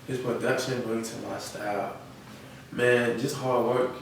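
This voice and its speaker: Speaking with little pitch movement at a measured pace, this young North Carolina rapper has a mid-range voice. He's being interviewed for a podcast, keeping it slangy and checking in with "you feel me" a lot. The recording sounds noisy and echoey, picked up by a distant mic.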